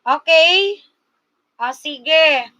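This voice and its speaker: A woman from Bicol in the Philippines hosting a casual livestream, slowly coaxing her viewers and talking to them directly. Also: high voice, lively intonation, bright, forceful tone, highs cut off. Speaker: livestream host.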